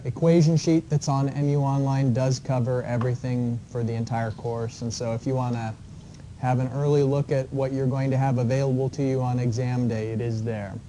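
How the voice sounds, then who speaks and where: Mellow-voiced male engineering lecturer. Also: medium pitch, slight background noise, poor audio. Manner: relaxed, explanatory, with frequent fillers. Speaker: engineering professor. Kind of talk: classroom lecture. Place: lecture classroom.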